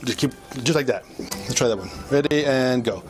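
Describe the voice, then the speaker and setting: Middle-aged cop barking breath-test commands. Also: male voice, mid-range voice, expressive, moderate pace. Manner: repetitive coaching commands. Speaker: police officer. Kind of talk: bodycam field recording. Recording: bodycam audio under loud music.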